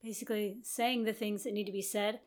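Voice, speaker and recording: A woman's voice: mid-range voice, fairly even intonation, brisk, darkish tone. A middle-aged woman co-hosting a casual marriage podcast, talking in a chatty, encouraging way. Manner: chatty and encouraging, with many affirming murmurs. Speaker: podcast co-host.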